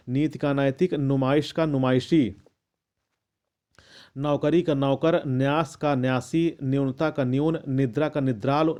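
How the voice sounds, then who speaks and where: A man reading out a long list of word pairs as a lesson, measured and methodical, with the odd restart. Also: mid-range voice, darkish tone. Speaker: teacher reading a Hindi vocabulary list. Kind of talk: slow recitation of word pairs.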